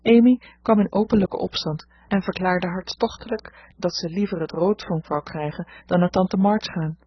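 Husky woman reading a storybook. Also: fairly low pitch, normal speed. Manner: steady, even reading. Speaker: audiobook reader. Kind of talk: scripted narration. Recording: dull lo-fi recording.

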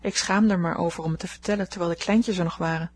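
A woman's voice: fairly low pitch, steady tone, fast, husky. A woman voicing a rueful young lady. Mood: confiding. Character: young woman at a ball, regretful.

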